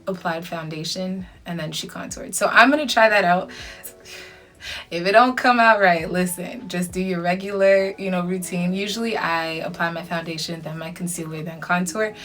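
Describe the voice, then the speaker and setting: A young woman whose voice is on the low side yet a bit bright hosts a chatty get-ready-with-me makeup tutorial, speaking directly to viewers with slang in an informal, chummy way. A distant mic records her over background music.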